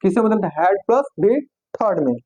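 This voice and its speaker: A man teaching English grammar in Hindi. He talks slowly, dictates example sentences word by word, and spells out letters. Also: sits high, animated, dark tone, poor audio. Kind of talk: classroom lesson.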